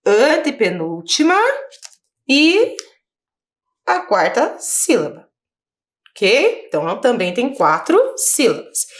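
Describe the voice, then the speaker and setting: A woman teacher from Brazil giving a recorded video lesson for children, explaining step by step and often checking in with her pupils. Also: mid-range voice. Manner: patient, explaining step by step with frequent check-ins.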